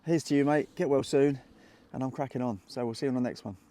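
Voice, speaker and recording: A man's voice: medium pitch, fast, dark tone. A British man in his fifties chatting casually to viewers in an understated way, as a metal detecting vlogger out in an open field. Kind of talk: casual outdoor vlog narration. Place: outdoors in an open grassy field.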